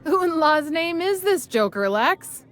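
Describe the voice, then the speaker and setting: A woman's voice: extremely high pitch, big pitch swings, a little slow, a bit bright, a little hiss or hum, heavily acted. An actress playing a scrappy, tough female salvage freelancer in a game, blunt and sarcastic. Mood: scornful. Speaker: game character.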